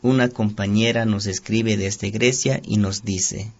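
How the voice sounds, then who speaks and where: A man's voice: lowish voice, steady tone, measured pace. A man with a Mexican accent presents a radio programme from a script as its host. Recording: dull lo-fi radio sound.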